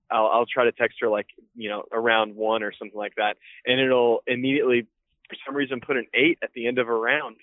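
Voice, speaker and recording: A man's voice: mid-range voice, no room sound. A man's voice comes through an old flip phone line, thin and band-limited with a dry, close sound. He talks in a loose, laid-back way, full of fillers and casual swearing. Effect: heard over an old flip phone call. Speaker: guest calling in by phone. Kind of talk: casual chat.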